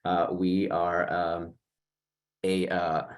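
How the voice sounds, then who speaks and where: A man with a very low voice gives a halting pitch over a video call. His connection is glitchy and the audio keeps breaking up and dropping out between his fillers. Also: monotone, dull audio. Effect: audio cutting out, glitchy connection. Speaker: presenter. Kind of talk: online pitch presentation.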